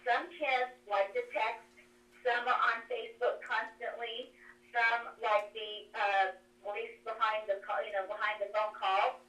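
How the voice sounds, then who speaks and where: A woman's voice: on the high side, flat delivery, measured pace, bright, forceful tone. A woman coach calling in by phone and explaining her methods step by step, her voice echoing like she is in a cave. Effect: cave-like echo over a phone line. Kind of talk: presentation on a conference call. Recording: echoey distant phone line.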